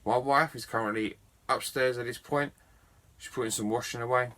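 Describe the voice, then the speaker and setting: A man's voice: medium pitch, steady tone, moderate pace, a bit bright. A middle-aged man, a game collector telling a story to camera in a chatty, enthusiastic and self-mocking way. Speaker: video game collector vlogger.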